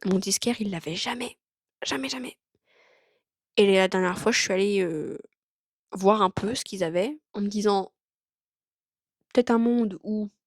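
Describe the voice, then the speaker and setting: A woman's voice: medium pitch, moderate pace, no room sound, studio quality. A young woman vlogging in casual, rambling chat with lots of fillers and slang.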